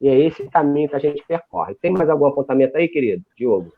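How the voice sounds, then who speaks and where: Animated man lecturing over tinny audio. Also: fairly high pitch, quick pace. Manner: animated, lecturing, with frequent restarts. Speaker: educator of deaf students. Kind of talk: explanatory talk in a live video call. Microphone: video call. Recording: tinny phone-like live stream audio.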